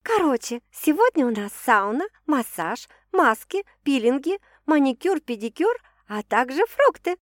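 A woman voicing a brisk cheerful young woman. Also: high voice, expressive, darkish tone, no echo, studio quality, voice pushed up. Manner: brisk, upbeat, a little evasive.

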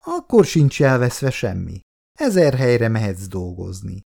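A man reading aloud and voicing a caring, sensible teenage schoolgirl who speaks gently and earnestly to her friend. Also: medium pitch, big pitch swings, creaky.

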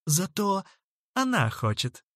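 A man's voice: high voice, big pitch swings, slow, a bit bright, no room sound, studio quality, pitched above the performer's own voice, exaggerated voice. A man voicing a confident, perky young boy. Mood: cocky.

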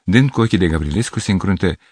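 In a measured, steady reading, a man narrates a literary story. His voice is deep and husky, and the recording sounds dry and close with no echo.

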